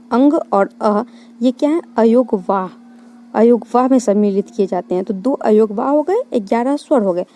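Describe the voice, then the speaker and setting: Mellow-voiced woman teaching grammar. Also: a little high. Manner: explains step by step, answering her own questions. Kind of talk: online exam-prep lecture.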